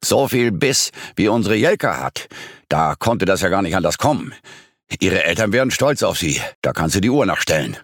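A man voicing a booming, red-faced, heavyset mechanic in an audiobook. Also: big pitch swings, normal speed, fairly bright tone, slightly rough, no room sound, studio quality, full character voice. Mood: proud.

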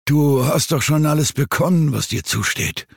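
A shaken old craftsman, as a male narrator puts him on, raised noticeably above the reader's own deep voice and sounding worn thin. He pleads weakly in a storybook thriller. The delivery is dry and close. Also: expressive, measured pace, gravelly, slightly rough, no echo, exaggerated voice. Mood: fearful.

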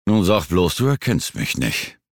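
A sneering, violent younger man, voiced by a male narrator snaps and mocks with a cutting edge. The voice is gravelly and close, with no room around it. This is a storybook thriller villain. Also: sits low, very animated, unhurried, fairly bright tone, no echo, exaggerated voice. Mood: menacing. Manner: mocking, cutting, threatening.

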